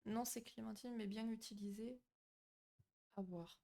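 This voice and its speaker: A woman's voice: on the high side, steady tone, unhurried, gravelly. Brief: woman streamer, casual, greets chat, hesitant "euh" delivery, on a home mic. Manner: chatty, warm toward viewers, many fillers and restarts. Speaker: psychology streamer hosting a live. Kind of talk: casual live-stream talk, reading chat.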